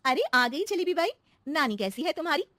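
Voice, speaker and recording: A woman voicing a sensible, wryly teasing housewife with an expressive delivery in a comedy cartoon. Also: sits high, fairly quick, no echo, studio quality. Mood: brisk. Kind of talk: comic Hindi cartoon acting.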